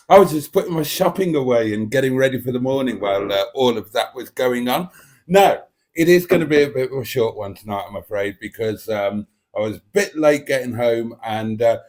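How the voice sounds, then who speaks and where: A man's voice: mid-range voice, darkish tone. A man hosting a casual livestream, chatting to viewers in a playful, effusive and theatrical way. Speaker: livestream host. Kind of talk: casual chat to live viewers.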